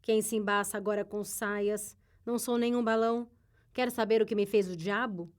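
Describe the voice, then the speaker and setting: Brash male rider, blustering and loud; read by a woman narrator. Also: mid-range voice, steady tone, moderate pace, lightly acted. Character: brash, defensive male rider on a scheming errand.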